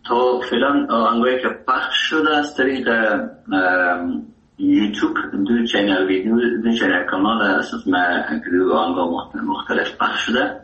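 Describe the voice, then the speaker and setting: Afghan Dari-accented male musician guest, low voice, heard from far off on a dull echoey line, warm and rambling. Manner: warm, rambling, with many hesitations. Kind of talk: radio interview.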